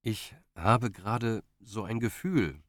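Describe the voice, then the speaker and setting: Man as unsure young man in love, hesitant, earnest, deep, storybook. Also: slow pace, fairly bright tone, no room sound, studio quality. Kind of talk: audiobook character voice.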